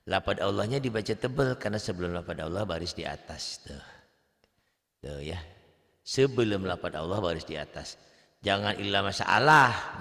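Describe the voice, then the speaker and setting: A man's voice: gravelly, in a large hall. A man with an Indonesian accent teaching Quran reading one-on-one, patiently explaining recitation rules. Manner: patient, explains rules then chants verses high to demonstrate.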